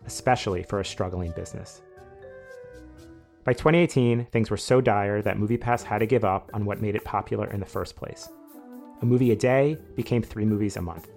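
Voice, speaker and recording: A man hosting a podcast, reading a measured, scripted narration that explains a business story. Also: fairly low pitch, darkish tone. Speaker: podcast host.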